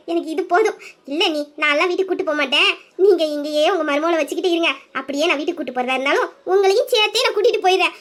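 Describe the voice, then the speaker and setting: A woman voicing a loving middle-aged mother who speaks in a heartfelt, homely way about her married daughter. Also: very high-pitched. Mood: glad.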